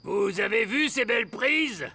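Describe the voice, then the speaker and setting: Gravelly, boastful old cartoon fisherman. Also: high-pitched, expressive, measured pace, no room sound, heavily acted. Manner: gloating, shouting, speaks of himself grandly. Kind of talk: French children's cartoon dubbing.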